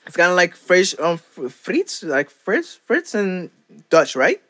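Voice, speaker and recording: A young man from Curaçao in casual chat, talking in a halting, rambling way full of fillers and restarts. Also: sits high, huge pitch swings, fairly bright tone.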